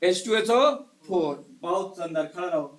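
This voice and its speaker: A male chemistry teacher in a live class, quizzing students one by one and hushing the noisy ones. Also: high voice, measured pace. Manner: quizzes students one by one, scolds and hushes them. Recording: echoey classroom.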